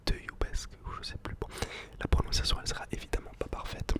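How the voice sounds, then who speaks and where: Here an ASMR creator, a man, whispers softly and close to the mic, slowly repeating foreign words sprinkled with casual slang.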